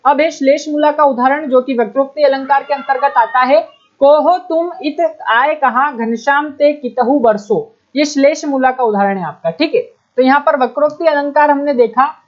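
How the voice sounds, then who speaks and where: A high-pitched woman gives an exam-prep grammar lecture. She poses questions to her students, answers them herself and drills the key terms. The recording sounds dull and lo-fi. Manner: reads examples out slowly. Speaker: Hindi grammar teacher.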